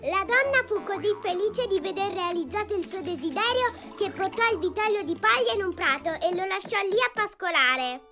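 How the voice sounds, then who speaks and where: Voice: very high voice, lively intonation, moderate pace, few pauses, over music. A voice actor playing a playful little girl who tells a fairy tale in a chatty cartoon storybook style, asking the listener questions along the way. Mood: lively.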